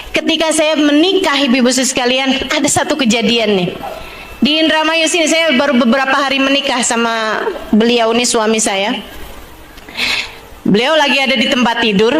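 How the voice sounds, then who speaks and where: A woman's voice: high voice, a bit bright. A female religious teacher giving a chatty, humorous sermon to a women's gathering, talking straight to her listeners. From Indonesia. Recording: echoey hall.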